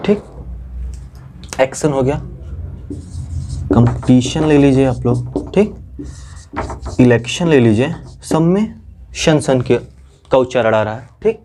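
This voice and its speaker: Teacher type, a man explaining pronunciation at a whiteboard, mellow tone, repetitive checking-in style. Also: medium pitch, lively intonation, slow, long pauses, a little hiss or hum. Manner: repeats "theek" as he explains, addressing students. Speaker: English grammar teacher. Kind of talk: classroom lesson at a whiteboard.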